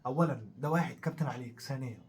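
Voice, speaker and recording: A man with an Egyptian Arabic accent, co-hosting a casual football talk show, animated and full of fillers as he goes over the story. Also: medium pitch, rapid-fire. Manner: animated, repetitive, thinks aloud with many fillers. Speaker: co-host of a football talk channel.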